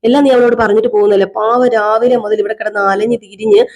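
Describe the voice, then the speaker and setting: A woman's voice: a little high, fairly even intonation, fast talker, darkish tone. A woman retelling a serial voices a worried middle-aged father who frets and scolds. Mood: scolding. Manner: anxious, fretting, then scolding.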